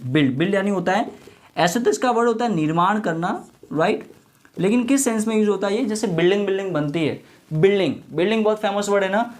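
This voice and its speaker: A man teaching an English vocabulary lesson, mixing Hindi and English and repeating each word with examples. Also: sits high. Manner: addresses viewers as "guys", repeats each word with its meaning and example sentences; mixes Hindi and English, often ends points with "right".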